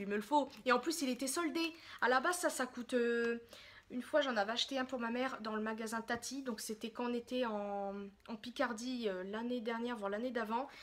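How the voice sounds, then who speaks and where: A woman chatting casually in a makeup haul vlog, excitable, gushing and often apologizing. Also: sits high. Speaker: beauty vlogger.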